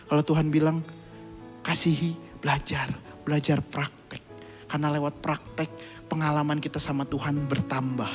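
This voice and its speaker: Male pastor, high voice, storytelling sermon, church hall with long reverb. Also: flat delivery, moderate pace, music in the background. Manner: storytelling, acting out his child's and his own voices.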